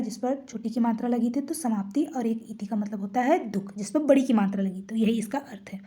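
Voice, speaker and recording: Female grammar tutor, high and warm-toned voice, walks through exam answers in a rhetorical question-and-answer style. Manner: explanatory, asks rhetorical questions and answers them herself; clears her throat now and then. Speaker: Hindi grammar teacher. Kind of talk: exam-prep lesson, working through mock test questions.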